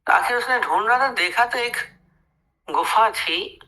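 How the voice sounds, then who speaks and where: A woman spiritual teacher giving a sermon in a conversational, animated manner as she tells a fable. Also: a little high, unhurried, poor audio. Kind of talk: sermon with storytelling.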